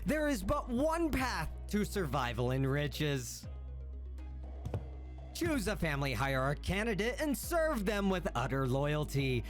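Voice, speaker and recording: A reader voicing a smugly contemptuous assassin servant in a video game, measured, formal and taunting. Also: medium pitch.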